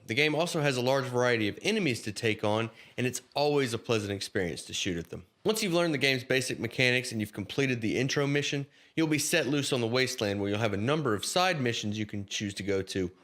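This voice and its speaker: A man's voice: mid-range voice, fairly bright tone. A man reading a scripted game review, casually addressing viewers directly.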